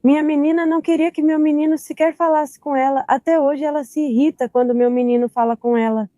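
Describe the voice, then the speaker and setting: A woman in her thirties, a mother giving personal testimony, speaking in a halting way and often repeating "I said" as she retells conversations. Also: sits high, steady tone, warm tone, no room sound.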